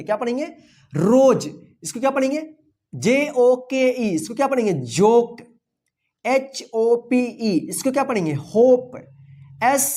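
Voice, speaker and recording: A woman with a fairly high but mellow voice teaches pronunciation in a classroom manner. She spells each word slowly, letter by letter, then says it again and again, asking what it should be read as. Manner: patient, repeats each word and asks "what will we read?". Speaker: English teacher. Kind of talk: classroom-style phonics lesson.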